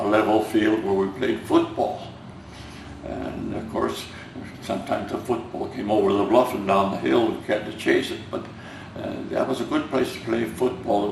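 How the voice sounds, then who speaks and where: Speaking Finnish-American-accented English, with Finnish as his mother tongue, this elderly US man hesitantly recalls the past for an oral history, restarting often and using many fillers. His creaky voice sits fairly low, and the home recording is noisy, distant and roomy.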